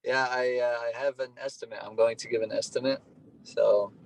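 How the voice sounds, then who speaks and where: A man talking over a car speakerphone while driving, a business owner giving plain, halting explanations in a casual interview. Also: medium pitch, fairly even intonation, no room sound. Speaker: duct cleaning business owner, guest. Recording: distant car speakerphone call.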